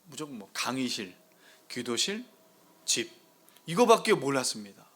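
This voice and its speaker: Pastoring a new church, this preacher throws rhetorical questions at his congregation, veering from loud emphasis to near-whispers. He has a husky, mid-range voice with big pitch swings at a normal speed.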